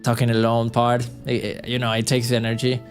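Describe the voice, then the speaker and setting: A man's voice: medium pitch, completely flat delivery, fairly quick, soft background music. A tired man streaming live, chatting alone in a rambling, self-talking way. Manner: rambling, self-talking, frequent restarts and chuckles. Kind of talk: casual solo live-stream chat.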